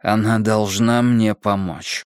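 Furious brother, read by the male narrator, slow, weighty delivery, dry studio sound. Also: on the low side, level tone, clean tone, no echo. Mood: brooding. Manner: slow, grave. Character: enraged brother, determined and brooding. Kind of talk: audiobook character voice.

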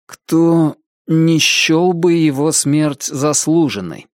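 A man voicing a cheerful young male student who reads aloud slowly and stumbles over words. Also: a little high, animated, dry recording, studio quality, pitched above the performer's own voice. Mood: halting reading. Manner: slow stumbling reading aloud.

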